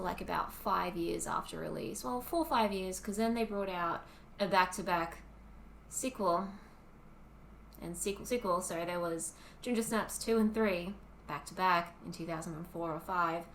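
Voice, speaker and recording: A woman in her twenties with an Australian accent, co-hosting a podcast in casual chat, talkative and quick to laugh. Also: medium pitch, creaky, fairly bright tone. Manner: chatty, laughs often, lots of ums. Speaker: podcast co-host. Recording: roomy with faint ambient noise.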